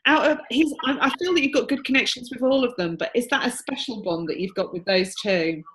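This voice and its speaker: A woman's voice: fairly high pitch, a little fast, background noise. A woman working as a psychic medium, relaying messages in a reading. She talks in an earnest, emotional, chatty way with many restarts.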